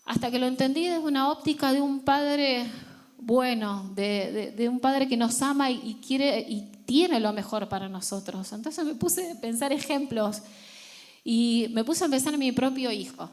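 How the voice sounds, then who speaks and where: Argentine woman pastor preaching, slightly high voice. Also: moderate pace, darkish tone. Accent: Argentine Spanish. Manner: earnest, repeats words for emphasis. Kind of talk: sermon.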